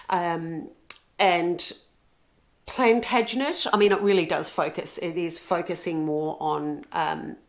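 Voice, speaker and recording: A woman from Australia hosting a book channel, talking enthusiastically about books she has read and bought, rambling with frequent ums and self-corrections. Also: mid-range voice. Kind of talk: casual book review chat.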